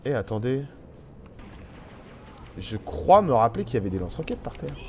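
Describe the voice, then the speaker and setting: Male let's player, mid-pitched, animated intonation, chatty and teasing toward enemies. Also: moderate pace, slight background noise. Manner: chatty, taunts enemies, frequent exclamations. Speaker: gaming channel host. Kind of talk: let's play commentary.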